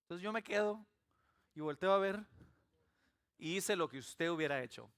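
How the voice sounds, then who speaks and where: A man's voice: high-pitched, normal speed, smooth. A man from El Salvador with a Salvadoran Spanish accent, preaching a sermon as pastor and telling stories with humor. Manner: animated storytelling with humor. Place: church.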